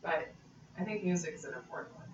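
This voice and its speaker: A woman's voice: fairly low pitch, expressive, quick pace. Italian-born woman, distant echoey recording. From Italy. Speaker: guest. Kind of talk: casual conversation. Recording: distant mic in echoey room, dull and noisy.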